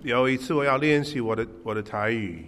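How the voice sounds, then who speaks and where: A man preaching in short, halting, conversational phrases, pausing for an interpreter. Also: medium pitch, fairly bright tone. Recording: echoey hall with long reverb.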